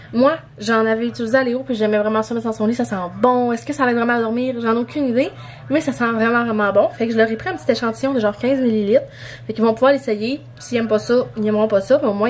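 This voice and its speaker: A woman's voice: a little high, a little mellow, a little hiss or hum. A young woman with a Québécois French accent chatting casually in a vlog, rambling with lots of fillers as she shows things she bought. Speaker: vlogger. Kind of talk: casual vlog showing purchases.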